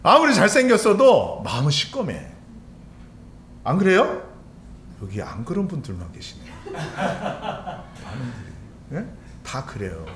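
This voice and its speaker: Lively, high-voiced man preaching in an echoey church. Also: unhurried, pauses often. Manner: lively, conversational preaching with questions to the congregation. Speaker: pastor. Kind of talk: sermon. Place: church sanctuary. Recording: echoey church with faint room noise.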